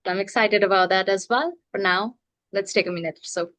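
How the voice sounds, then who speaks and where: A woman's voice: medium pitch, fairly quick, a bit bright, no room sound. Woman hosting an online speaker event. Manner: friendly, encouraging audience to interact. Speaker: event host. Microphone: video call.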